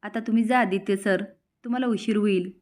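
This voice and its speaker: A woman's voice: mid-range voice, fairly even intonation, fairly quick, a little mellow, close to an everyday voice. Woman doing a young village maid, rustic, modest, stubborn. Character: shy young village housemaid, proud.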